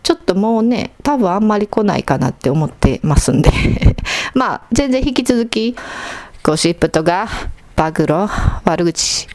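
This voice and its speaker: A woman's voice: mid-range voice, lively intonation, normal speed, darkish tone. A woman with a Kansai accent hosting a casual solo podcast, chatty and joking as she reads and answers listener mail. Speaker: podcast host.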